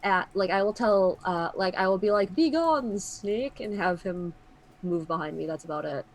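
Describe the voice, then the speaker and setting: A woman's voice: lowish voice, fairly even intonation, normal speed, poor audio. A woman chatting casually and thinking aloud as she narrates her turn as a tabletop game player.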